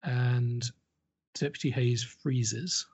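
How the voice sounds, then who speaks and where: A man runs a tabletop horror game, narrating slowly and haltingly, with many repeated words. His voice is husky. The recording sounds dull. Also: medium pitch, fairly even intonation, darkish tone. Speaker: game master.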